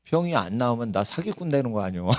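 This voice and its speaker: A middle-aged man, a pastor, preaching a sermon in church, telling stories and putting questions to the congregation. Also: medium pitch. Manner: animated storytelling preacher, rhetorical questions to the congregation. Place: church sanctuary.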